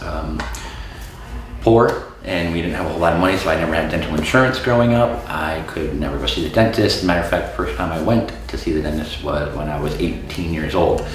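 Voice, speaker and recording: A Florida man in his thirties gives a dental patient testimonial to camera, speaking low, relaxed and frank with lots of um's and uh's. The recording is very echoey, with a faint hiss underneath.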